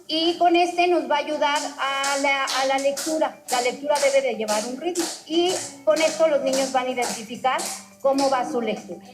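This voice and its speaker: A high-voiced woman leads a rhythm lesson, calling out beat words in an even chant. Music plays behind her. The sound comes from a television picked up by a home recorder. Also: normal speed, low-quality recording. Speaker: physical education instructor. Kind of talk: instructional demonstration. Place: studio heard through a home TV recording.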